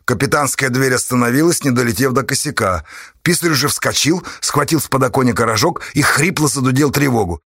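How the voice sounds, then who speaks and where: A man narrating an audiobook in an expressive way. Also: mid-range voice, brisk, breathy edge, dry recording, studio quality.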